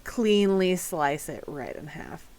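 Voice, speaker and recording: A woman's voice: sits low, very animated, slow, a little mellow, rough recording. A woman narrating as game master in a casual, giggly way, with lots of fillers.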